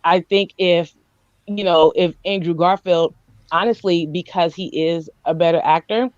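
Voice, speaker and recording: A woman co-hosting a movie review podcast in casual chat. She talks excitedly and jumps into high squeals when acting out scenes. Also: moderate pace, no echo. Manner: excitable, acts out scenes with squealing quoted voices. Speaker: podcast co-host. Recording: muffled lo-fi dry sound.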